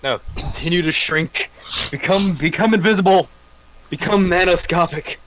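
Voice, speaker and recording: A man plays a tabletop game and jokes with his friends. His voice is slightly higher than most men's. He talks loosely and casually. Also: moderate pace, a bit bright, rough recording. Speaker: player.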